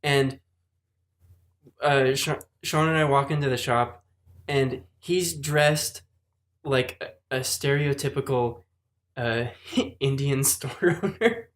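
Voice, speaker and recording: A man co-hosting a casual podcast, telling a story in a halting way and repeating his words as he goes. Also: mid-range voice. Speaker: podcast co-host. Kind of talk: casual chat among friends.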